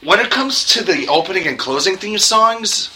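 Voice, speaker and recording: A man's voice: high voice, expressive, moderate pace, sharp tone, a little hiss or hum, poor audio. A man co-hosting a podcast, chatting casually and laughing easily while reviewing a cartoon. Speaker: podcast co-host.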